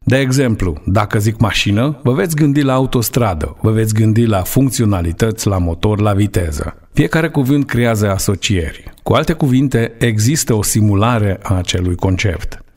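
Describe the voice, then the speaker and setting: Man, thirties, lower voice, calm explanatory lecture, close studio mic. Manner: measured, explanatory delivery. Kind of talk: scripted online lecture.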